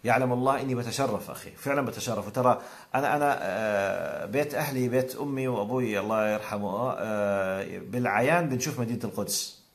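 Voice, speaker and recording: A man's voice: lowish voice, quick pace, gravelly. A man with a Jordanian accent hosting a live call-in broadcast, greeting viewers one by one with blessings. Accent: Jordanian Arabic. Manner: warm religious blessings, conversational. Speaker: call-in show host.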